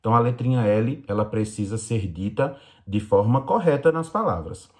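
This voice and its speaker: A man teaching young children in Brazilian Portuguese, explaining slowly and patiently in a recorded lesson. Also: fairly low pitch, animated, darkish tone. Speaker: primary school teacher.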